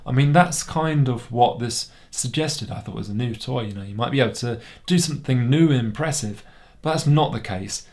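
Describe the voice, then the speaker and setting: A man's voice: medium pitch, a little fast, few pauses, a little mellow. A man with a British accent giving a casual, sceptical toy review at home. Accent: British English. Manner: sceptical, wry and conversational.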